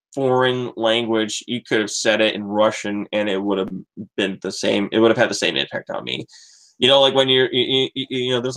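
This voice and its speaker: A man's voice: fairly low pitch, fairly bright tone, poor audio. An American man telling his own story in a casual testimonial, rambling and filling his talk with "like" and "you know". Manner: rambling, heavy use of fillers like "like" and "you know". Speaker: network marketing member sharing his story.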